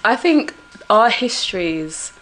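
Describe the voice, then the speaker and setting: A woman, a guest musician, talking reflectively in a relaxed chat. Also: medium pitch, slow, low-quality recording. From Britain. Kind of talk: casual chat.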